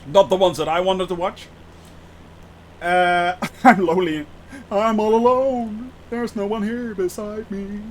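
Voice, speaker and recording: A flight sim streamer from the Netherlands chats casually on a live stream with a thick Dutch accent. His voice is high, his intonation fairly even, and his pace unhurried, and he hesitates, restarts often, and laughs frequently.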